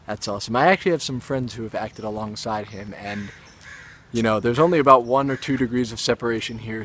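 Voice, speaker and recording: A young man talks straight to his camera, rambling through an anecdote with plenty of self-aware asides. His voice sits in an ordinary middle pitch. A faint hiss of background noise stays under the recording. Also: a bit bright. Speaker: actor and vlogger. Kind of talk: casual storytelling vlog.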